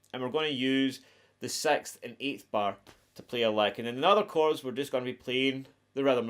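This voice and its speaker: A middle-aged man with a broad Scottish accent, giving a casual guitar lesson to camera. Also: medium pitch. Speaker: guitar teacher. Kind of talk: casual instructional talk to camera. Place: small attic home music room, indoors. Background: electric guitar playing.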